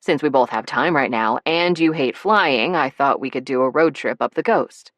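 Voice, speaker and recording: A woman narrator gives voice to a charming, teasing man who talks his way toward what he wants. His delivery is low and close, set in a dry, dead room. When nervous, his words come out in a good-humored rush. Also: lively intonation, normal speed, fairly bright tone, no echo, exaggerated voice. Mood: eager. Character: charming playful adult man, teasing and persuasive.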